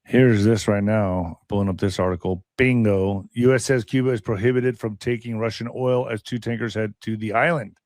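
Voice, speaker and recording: A man hosting a casual talk show, blunt and quick to interject questions, swearing casually. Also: on the low side, steady tone, a little mellow, no room sound, clean studio sound. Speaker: host.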